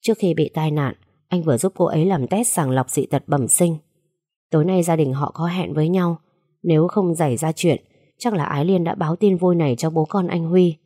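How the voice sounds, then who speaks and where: A woman voicing a tired young doctor who explains bad news calmly in a told story. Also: no echo, studio quality. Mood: grave. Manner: low, measured. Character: tired young doctor husband, grave and calm.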